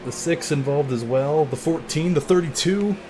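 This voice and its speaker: A young man streaming a racing game live, calling the action in an excitable, announcer-like play-by-play. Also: fairly high pitch, normal speed, noisy background. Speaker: gaming streamer.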